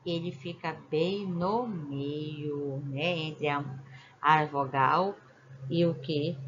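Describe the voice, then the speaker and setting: Brazilian woman teacher, lowish voice, patient and repetitive with young kids, dull home recording. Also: slight background noise. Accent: Brazilian Portuguese. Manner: patient, repeats "né?" and "ó" to check on children. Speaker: primary school teacher. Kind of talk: remote lesson explaining a worksheet.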